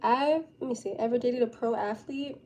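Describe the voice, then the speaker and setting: Casting: young female live streamer, higher-pitched and soft-edged, giggly casual chat, slight background noise. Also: normal speed, lo-fi sound. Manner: giggly, chatty, informal.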